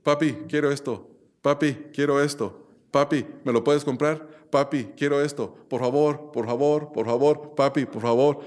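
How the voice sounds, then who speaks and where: A man's voice: mid-range voice, steady tone, normal speed, natural voice. A man preacher voicing a small child who keeps begging a father for things. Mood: pleading. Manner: pleading, repetitive.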